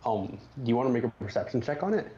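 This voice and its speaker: A man's voice: medium pitch, big pitch swings, quick pace, mellow, muffled recording, a little hiss or hum. A man narrating as game master, describing scenes with frequent ums and restarts.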